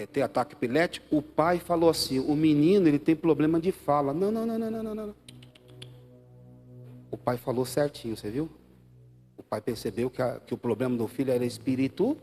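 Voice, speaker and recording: Brazilian pastor guy preaching live in church, medium voice, goes loud then hushed, soft music in back. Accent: Brazilian Portuguese. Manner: swings between loud emphatic bursts and low quiet asides. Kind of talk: Easter Sunday sermon.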